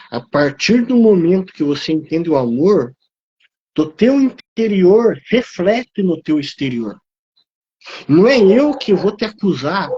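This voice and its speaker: A man with a high, husky voice tells a heartfelt faith testimony, his pitch climbing whenever he presses a point. His speech has the cadence of preaching. The audio is dull and lo-fi, like a live stream. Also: mellow. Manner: emotional, preaching rhythm, rising pitch on emphasis. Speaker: guest on a live theology talk. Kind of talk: impassioned testimony.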